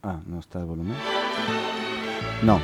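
A man hosts a casual podcast and talks in an easygoing, soft-spoken way. His voice sits fairly low. He keeps the chat loose and relaxed with his guest. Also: unhurried, over loud music. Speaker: podcast host.

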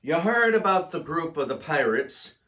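A man co-hosting a casual chat, telling jokes in a playful, unhurried way. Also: a little hiss or hum. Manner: slow, playful joke-telling with lively pitch. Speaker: co-host.

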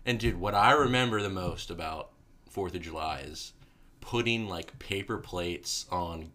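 A man's voice: sits low, unhurried, pushed and bright. A man, co-hosting a casual podcast in an easygoing, chatty way. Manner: easygoing, reminiscing, says "man" and "dude". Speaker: podcast co-host. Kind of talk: casual chat.

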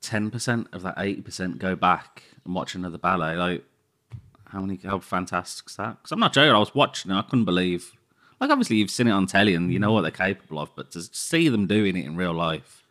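A man with a Birmingham accent, co-hosting a podcast in casual chat, excitable and full of "like". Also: low voice, fast. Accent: Birmingham English. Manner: excitable, gushing, full of "like" and "oh my God". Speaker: podcast co-host.

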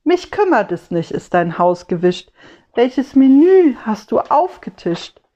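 A woman voicing a gentle, wistful Christ child who speaks in soft, earnest rhymes, on a slightly dull lo-fi recording. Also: on the high side, sing-song, unhurried. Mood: hopeful.

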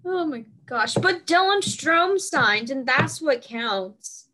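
A young woman chatting casually about hockey with friends, animated and full of fillers. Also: high-pitched, takes it slowly, background noise.

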